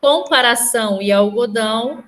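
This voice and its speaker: A woman's voice: fairly high pitch, moderate pace, fairly bright tone. A woman with a Brazilian Portuguese accent, a teacher explaining a lesson patiently and often checking that the class follows.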